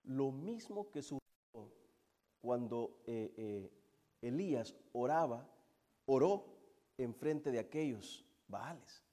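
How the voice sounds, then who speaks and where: A man preaching a sermon, moving between hushed, drawn-out passages and loud, fervent build-ups. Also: mid-range voice, lively intonation.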